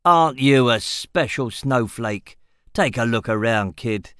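A man's voice: medium pitch, expressive, measured pace, a bit bright, clear, resonant tone, no echo, studio quality. A man voicing a coarse, scornful male convict who talks crudely.

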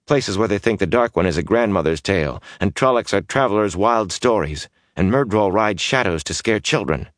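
A man's voice: fairly low pitch, lively intonation, moderate pace, few pauses, no echo, clean studio sound, close to an everyday voice. A man voicing a restless, bitter young gambler who complains and grows agitated. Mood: pleading.

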